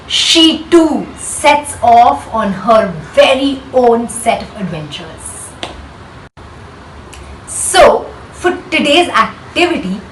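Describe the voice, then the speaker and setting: Hosting a children's read-aloud as a schoolteacher, this Indian-accented woman teaches with emphatic rhetorical questions in an instructive manner. Her voice sits on the high side and sounds fairly bright. Captured from afar, the audio carries a roomy echo and a little background noise.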